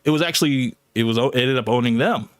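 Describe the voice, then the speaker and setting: A man's voice: mid-range voice, fast talker, clean tone, dry recording, clean studio sound. A man arguing his views bluntly in a live online debate, often repeating himself.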